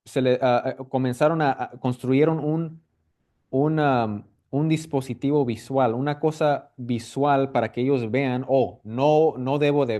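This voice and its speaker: A man's voice: medium pitch, warm tone. A man teaching a casual Bible lesson, explaining step by step and checking in with his listeners often. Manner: explanatory, repeats himself with frequent "¿ok?" and "¿verdad?" checks; halting with restarts and fillers.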